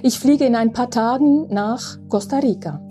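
A woman of nearly sixty, hosting a spiritual podcast, talking slowly and reflectively and often checking in with a soft "ja?". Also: on the high side, faint music behind. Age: 50s. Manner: slow, reflective, with frequent asking "ja?". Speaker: podcast host.

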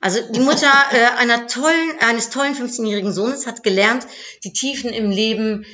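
A woman's voice: a little high, a little fast, pushed and bright, muffled recording. A woman hosting a podcast interview, enthusiastic and full of filler sounds. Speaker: podcast host.

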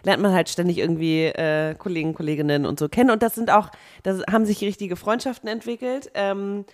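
A woman's voice: mid-range voice, steady tone, fairly quick. A young woman co-hosting a chatty podcast, telling a story in a rambling way, full of fillers and laughter. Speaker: podcast co-host. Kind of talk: casual chat.

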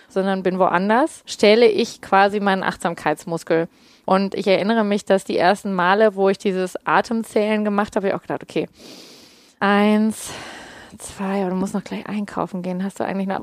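A woman talking through mindfulness in a relaxed podcast chat, calm and explanatory, full of everyday examples. Her voice sits at an ordinary pitch. The sound is dry and close, with no room around it. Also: no echo. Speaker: mindfulness coach answering listener questions. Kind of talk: casual podcast conversation.

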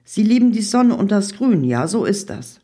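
A woman's voice: medium pitch, very animated, moderate pace, warm tone, voice pushed up, lightly acted. Emphatic sun-loving June, a woman voicing it. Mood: protesting. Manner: protesting and emphatic. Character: objecting, sun-loving male month June.

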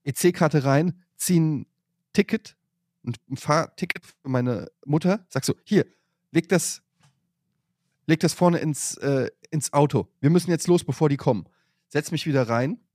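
A man, hosting a podcast and telling a long, animated anecdote in casual chat. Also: a little high, a little slow, dry recording, studio quality. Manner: animated anecdote-telling, voices his mother. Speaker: podcast host.

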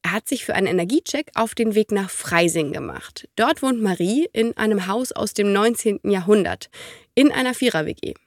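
A woman's voice: medium pitch, animated, moderate pace, no echo. Stuffy-nosed woman hosting a podcast, dry sound. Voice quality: stuffy-nosed, congested voice from a cold. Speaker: podcast host. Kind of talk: scripted narration.

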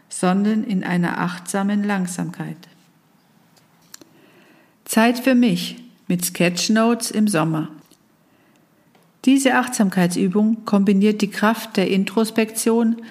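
Female narrator, mid pitch, calm and measured, carefully enunciated mindfulness instruction. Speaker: guided mindfulness exercise narrator. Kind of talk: scripted guided-meditation narration.

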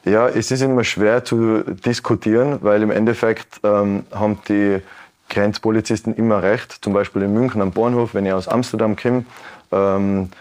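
A man in his late thirties from Tyrol with a Tyrolean Austrian accent, answering earnestly and thoughtfully in an interview, with many pauses and restarts. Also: fairly low pitch, steady tone, a little mellow. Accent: Tyrolean Austrian German. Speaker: guest, Anne Frank House educator. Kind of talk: broadcast interview.

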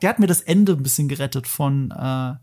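A man hosting a podcast and chatting casually, animated and opinionated, with emphatic asides. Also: mid-range voice, fairly quick. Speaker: podcast host. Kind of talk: casual discussion.

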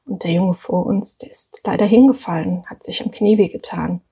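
Woman with a dark, breathy voice, gratefully telling a story on a dull lo-fi voice memo. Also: on the low side, normal speed. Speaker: listener sending a voice message; mother of a three-year-old. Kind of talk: casual spoken anecdote.

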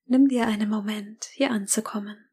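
A woman whispering a slow, calm guided meditation. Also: medium pitch, slightly rough.

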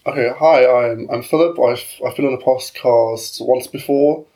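A man's voice: medium pitch, normal speed, dark tone, low-quality recording. A man as a guest on a casual podcast chat, speaking hesitantly and restarting his phrases. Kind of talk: casual round-table chat.

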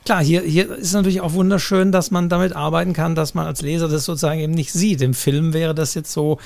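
A man co-hosting a writing podcast, talking in a measured, thoughtful way and often restarting his sentences. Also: on the high side, steady tone, vocal fry, a little mellow, no echo. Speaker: podcast co-host. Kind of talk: casual chat about writing.

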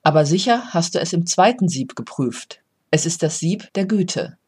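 A coach reading a parable, voicing a calm, wise old male philosopher who speaks slowly and gently instructs. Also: mid-range voice, husky. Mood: calm, admonishing. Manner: slow, measured, gently instructive. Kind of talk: storytelling.

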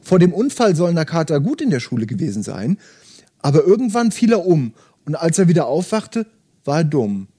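A man reading a gentle, childlike old man. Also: a little high, big pitch swings, brisk, slightly rough. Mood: earnest. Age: 60s. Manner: speaks of himself in the third person, plain and earnest.

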